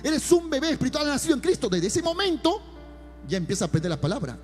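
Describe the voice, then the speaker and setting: A man's voice: very high-pitched, sing-song, fast talker, soft background music. A man preaching a sermon as pastor, calling listeners brother and building emphasis.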